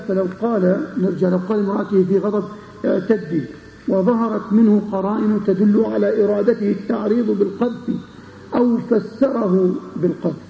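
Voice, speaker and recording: A man teaching a classical legal text to students, pausing often to check that they follow. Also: high voice, creaky, slight background noise. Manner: explains with repeated checking questions to students. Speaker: Islamic scholar teaching a text. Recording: dull lo-fi recording in an echoey room.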